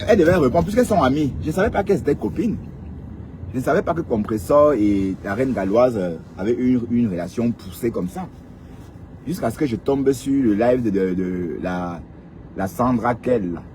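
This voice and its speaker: An animated man with a mid-range, darkish voice chats at a moderate pace about social media drama during a casual live commentary. He talks right to his viewers, often asking a rhetorical "hein?", and the recording carries a little hiss or hum.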